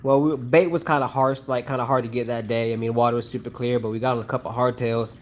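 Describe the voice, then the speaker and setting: A man, a guest angler, excitedly telling a fishing story in casual chat. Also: medium pitch, fast talker, a little hiss or hum.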